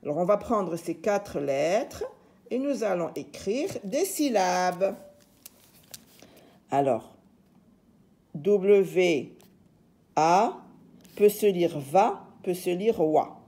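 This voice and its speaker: A woman teacher works through letters and syllables at a very slow, deliberate pace, sounding out each one patiently. Her voice sits somewhat low and dark, mellow in tone. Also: expressive. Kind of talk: reading and spelling lesson.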